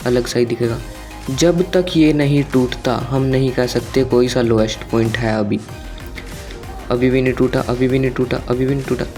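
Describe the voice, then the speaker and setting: A man's voice: medium pitch, a little mellow. A man teaching a trading lesson over a chart, talking casually, repeating himself and quizzing his viewers. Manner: conversational, asks viewers questions, repeats phrases. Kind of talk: screen-share chart lecture.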